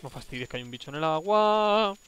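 A man's voice: on the high side, expressive, brisk, a bit bright, clear, resonant tone. Jumpy man. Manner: jumpy, easily startled, thinks aloud, yelps and groans. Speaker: livestreaming gamer. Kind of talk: live horror game commentary.

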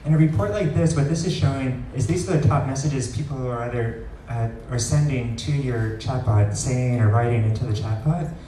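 In a big indoor meetup room with a wooden ceiling, a man with a mid-range voice walks through a live product demo in an informal, pause-heavy style. The audio comes from a distant room camera and carries faint noise and a roomy quality.

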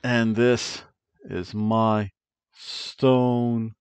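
Chatting to camera with a headset mic from his small home room, a middle-aged man hosts a wrestling review show, offering casual predictions, rolling the R's in names, and humming dramatic tunes playfully. His mid-range voice holds a level tone with drawn-out words and a clean sound. The recording is dull, lo-fi, and dry.

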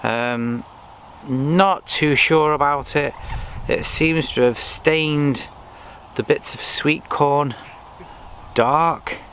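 A man whose voice is a little high speaks very slowly while casually vlogging his fishing from a lakeside bank, relaxed and talking himself through each move. A camera on the bank in front of him captures it, along with faint noise from outdoors.

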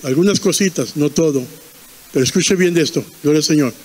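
High-voiced fervent male preacher. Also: brisk, a little mellow, slightly rough, in a large hall. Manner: fervent, repeating and quizzing the congregation. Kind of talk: sermon.

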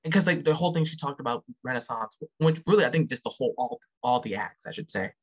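A man hosting a casual podcast chat about music, excitable and quick to act out quotes with big jumps in his voice. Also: breathy edge. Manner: fast, excitable, acts out quotes with sharp jumps in pitch. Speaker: podcast host.

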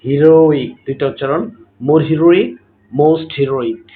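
Slow patient teacher, tinny phone sound. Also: male voice, a little high. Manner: slow, patient, drawn-out word examples; repeats a set phrase after each point. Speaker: English teacher. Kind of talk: grammar lesson explaining notes.

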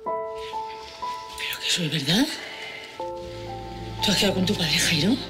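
A woman's voice: on the low side, unhurried, music in the background, natural voice. An actress playing a worried but firm middle-aged mother in a TV drama, with a Spanish accent from Spain. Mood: shocked. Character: worried, firm mother of two grown sons. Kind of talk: naturalistic TV drama acting.

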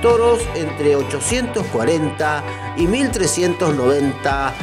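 Un hombre que narra una noticia con guion, leyendo de forma medida como reportero. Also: male voice, a little high, expressive, a little slow, over music. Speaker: news reporter. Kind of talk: scripted news narration.

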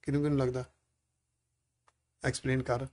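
A man's voice: medium pitch, flat delivery, brisk, darkish tone. A man leading a live classroom discussion with children, asking many questions and urging them to speak up.

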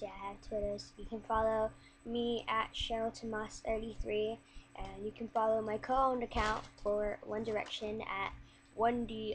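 A young woman vlogging in a squeaky chipmunk voice from breathing in helium, chatting in a scattered way with lots of filler words. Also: a bit bright, slight background noise. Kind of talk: casual rambling vlog chat.

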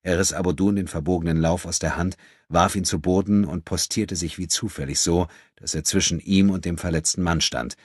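A man reading an audiobook as narrator in a measured, even storytelling manner. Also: low-pitched, husky, no echo, clean studio sound. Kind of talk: scripted narration.

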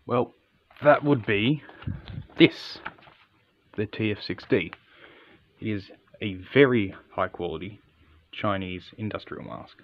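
Male product reviewer, low gravelly voice, understated and casual, slightly dull camera audio. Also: slow pace, long pauses. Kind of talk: casual, unscripted hands-on review.

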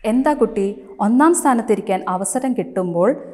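Storybook schoolteacher, kind and coaxing, mellow delivery, as a woman reads him aloud. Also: on the high side, animated, moderate pace, close to an everyday voice. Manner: coaxing, raised and louder in questions. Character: kind, encouraging male schoolteacher.

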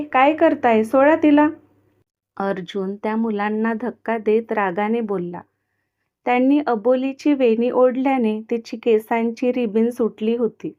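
Woman narrator, audio storytelling, steady expressive reading, higher voice, muffled lo-fi sound.

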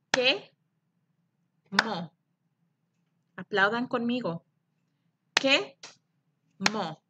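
Slow, bright-voiced woman teaching phonics. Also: on the high side, slight background noise. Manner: slow and deliberate, clapping out syllables. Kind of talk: slow phonics lesson for young children.

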